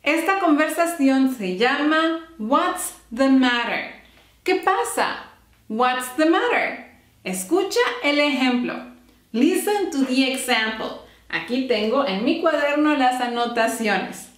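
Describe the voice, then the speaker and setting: A woman teaching English phrases in a bilingual lesson, modeling each line clearly for the listener to repeat. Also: high-pitched, lively intonation, takes it slowly, roomy sound.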